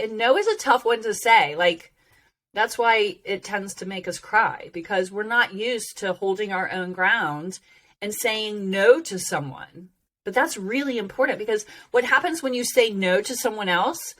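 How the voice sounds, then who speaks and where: A woman teaching informally like a self-help coach, emphatic and encouraging, with long, drawn-out sibilant s sounds and frequent check-ins. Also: medium pitch, fairly bright tone.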